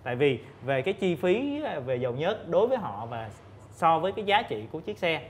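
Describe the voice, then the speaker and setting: Guy in his 30s, kinda high voice, explaining slow and careful w lots of uh pauses, lapel mic, faint hiss. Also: big pitch swings. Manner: measured, explains step by step with many fillers. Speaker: lubricant expert guest. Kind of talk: explanatory panel talk. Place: indoor TV studio set.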